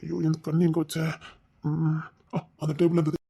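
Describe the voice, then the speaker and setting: A man's voice: fairly high pitch, monotone, normal speed, vocal fry, background noise. An actor playing a remorseful young husband with a Tirunelveli Tamil accent, who pleads with his wife and keeps repeating his apologies. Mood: caring. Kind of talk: TV serial acting.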